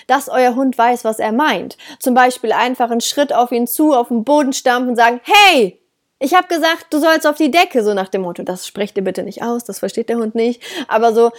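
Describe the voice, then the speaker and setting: A high-pitched woman speaks to her listeners as a dog trainer, in a casual, outspoken way. She is direct and blunt, with punchy emphasis on key words and frequent laughter. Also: a little mellow.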